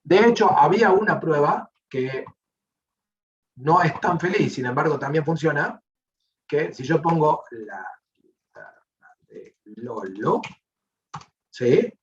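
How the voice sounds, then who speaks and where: A man's voice: a little high, lively intonation, slow pace, long pauses. Male programming teacher, Rioplatense accent, patient and explanatory, distant muffled class recording. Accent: Rioplatense Spanish. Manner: explanatory, checks in with frequent "¿sí?". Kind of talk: online class, live coding.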